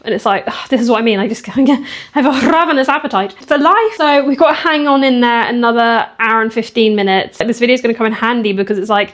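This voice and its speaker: A young woman chatting casually in a fitness vlog, emotional and quick to laugh. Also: on the high side. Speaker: fitness vlogger.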